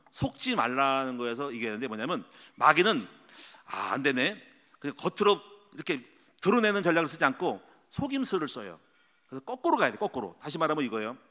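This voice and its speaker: Middle-aged male pastor, sermon delivery, animated storyteller, bright and fairly high voice, hall reverb. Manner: lively storytelling, acts out quoted voices. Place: church sanctuary.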